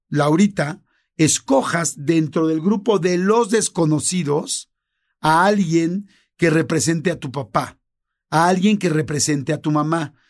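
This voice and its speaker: A middle-aged man with a Mexican accent, casually telling a story on a podcast and acting out the dialogue. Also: on the high side. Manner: animated, acts out quoted dialogue in many voices. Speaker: podcast co-host.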